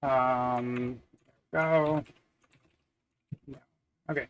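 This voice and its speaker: A man's voice: medium pitch, fairly even intonation, very slow, slight background noise, rough recording. A man, thinking aloud while coding on a live stream, muttering to himself with many fillers and wry self-deprecating asides. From Canada. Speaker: software developer live-streaming. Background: keyboard typing.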